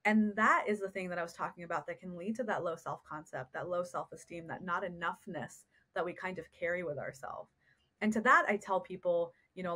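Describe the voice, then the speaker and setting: Her voice is mid-range and a bit bright. She's an American therapist being interviewed on a podcast, thoughtful and sincere, who often poses questions she doesn't expect answered.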